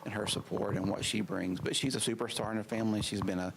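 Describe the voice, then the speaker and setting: Man, 50s, very low gravelly voice, swollen mouth after surgery, halting with fillers, faint background noise. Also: steady tone. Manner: halting, many fillers and restarts. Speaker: new assistant superintendent. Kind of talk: public remarks at a meeting.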